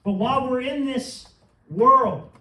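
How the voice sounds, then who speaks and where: Fervent high-voiced male preacher. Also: animated, measured pace. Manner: fervent, rising to emphatic peaks. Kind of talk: sermon. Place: church sanctuary. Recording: roomy sound from some distance.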